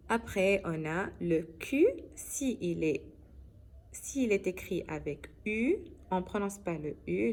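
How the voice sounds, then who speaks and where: A woman gives a French phonics lesson in a slow, deliberate voice. She sits a little low in pitch and checks in with her listeners again and again. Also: a little mellow. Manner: slow, careful, checks with "d'accord?". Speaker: French teacher.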